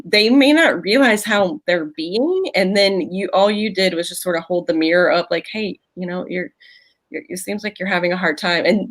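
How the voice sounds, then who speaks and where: A middle-aged woman co-hosting a livestream, sharing personal stories in a reflective, halting way with many fillers and laughs, over a video call. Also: fairly low pitch. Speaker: co-host of a livestream conversation. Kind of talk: casual personal conversation.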